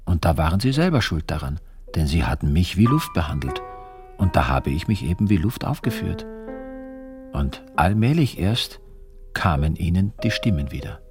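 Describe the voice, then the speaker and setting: A man's voice: low-pitched, big pitch swings, normal speed, over music. A man narrating a radio play in an earnest storytelling manner.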